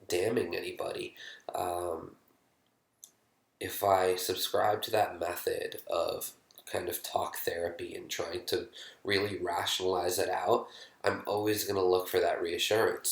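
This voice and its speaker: A man speaking candidly to camera about his own experience, halting, with many fillers and restarts, sometimes dropping to a whisper. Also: low-pitched, gravelly, echoey room. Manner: drops to a whisper when quoting his own thoughts. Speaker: vlogger sharing his experience. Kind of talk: candid personal talk to camera.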